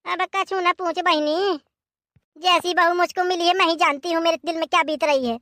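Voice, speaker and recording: A woman voicing a sharp-tongued old village mother-in-law who complains with an Awadhi accent. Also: extremely high pitch, fairly even intonation, moderate pace, dry recording, clean studio sound. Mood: bitter. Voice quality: nagging, complaining.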